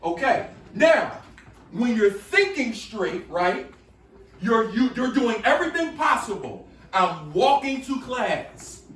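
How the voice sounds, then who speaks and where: A man's voice: very high-pitched, big pitch swings, slow, a bit bright. A man leading a room of students in a call-and-response lesson, coaxing answers by repeating his questions with energy. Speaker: workshop speaker. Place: school classroom with students. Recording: echoey room from far off.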